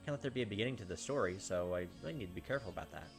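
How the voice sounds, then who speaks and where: As he plays a visual novel, a gaming host reads the narration aloud and throws in brief comments. His fairly low voice carries vocal fry, and his delivery is expressive and rapid-fire over the game's background music.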